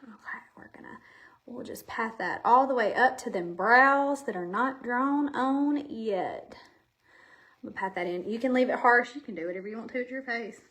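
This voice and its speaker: Talking straight to her viewers on a camera pointed at her, this woman runs a makeup live stream from home. Her voice is a little high and a bit bright at a moderate pace, and she rambles casually while slightly out of breath.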